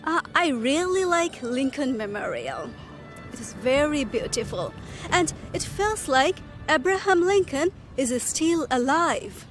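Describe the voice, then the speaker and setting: A woman playing a friendly tourist who answers a reporter's questions slowly and carefully for an English lesson. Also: high-pitched, very animated, soft background music. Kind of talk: scripted English lesson dialogue. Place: outdoors in a city.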